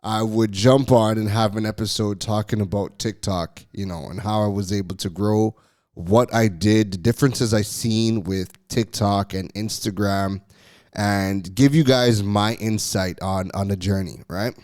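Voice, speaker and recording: A middle-aged man hosting a podcast tells a casual story in an animated way, laughing often and restarting his phrases. His voice is lowish and his pace a little slow.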